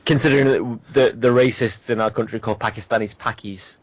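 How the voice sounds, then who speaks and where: A man with a British accent chatting casually on a podcast and reasoning out loud. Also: medium pitch, fairly even intonation, a little fast. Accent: British English. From Britain. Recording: dry, slightly muffled mic.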